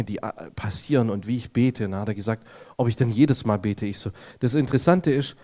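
Man animatedly preaching a personal testimony. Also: mid-range voice. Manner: lively, acts out both sides of dialogues. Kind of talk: testimony storytelling to a congregation.

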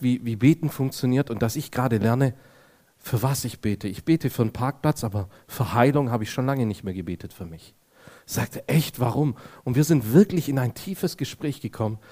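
Male preacher, mid-range voice, tells a lively story and plays both sides of the dialogue. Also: medium pitch. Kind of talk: testimony storytelling to a congregation.

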